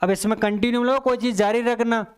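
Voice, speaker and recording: A man's voice: extremely high pitch, steady tone, clean tone. A man teaching English for competitive exams, explaining answers step by step and repeating key points to his students. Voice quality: reads English example sentences slowly and deliberately. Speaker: English teacher for exam prep. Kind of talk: exam-prep lesson explaining answers.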